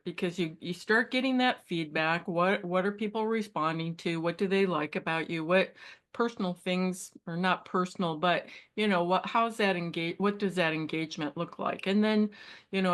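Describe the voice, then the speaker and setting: Woman guest, casual chat, measured and thoughtful, lowish voice. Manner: thoughtful and measured, with many restarts and fillers.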